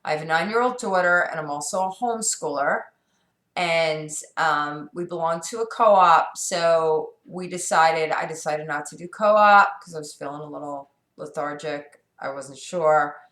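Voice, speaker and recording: A middle-aged woman from New York records a casual vlog in an echoey room, talking a little slowly in a low, fairly bright voice. A sore, scratchy throat colors her candid, rambling speech, which is packed with fillers and restarts.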